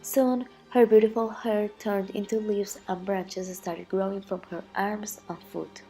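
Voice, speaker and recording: A woman with a mellow, dark voice narrates an ancient myth from a script. She tells it gravely, with light music playing underneath. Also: mid-range voice, fairly even intonation, a little slow, low-quality recording.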